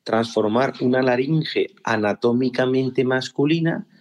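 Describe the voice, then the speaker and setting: A man's voice: medium pitch, measured pace. Man, a surgeon explaining patiently. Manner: didactic, explains step by step. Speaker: ear, nose and throat surgeon. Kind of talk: explanatory interview answers.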